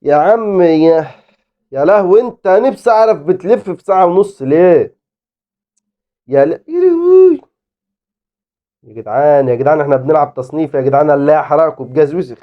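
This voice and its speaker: A man with an Egyptian Arabic accent, giving excitable live commentary on his own football game as a gaming YouTuber. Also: on the high side, fast, dull audio. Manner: excitable, exclaiming and pleading at the game.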